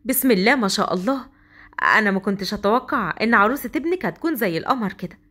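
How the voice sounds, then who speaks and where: A woman's voice: medium pitch, animated, racing, bright, forceful tone. A woman voicing a chatty visiting aunt, gushing with praise.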